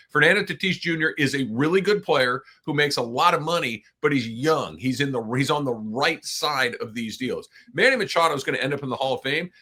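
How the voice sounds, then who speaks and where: A middle-aged man co-hosting a sports podcast, giving opinionated, animated takes on baseball. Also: mid-range voice. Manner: opinionated, animated, quotes people in asides. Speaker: podcast co-host.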